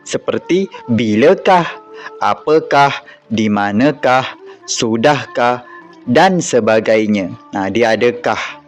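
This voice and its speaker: A man with a Malaysian Malay accent teaching an online class, reading example sentences aloud slowly and patiently. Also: medium pitch, lively intonation, faint music behind. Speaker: religious school teacher.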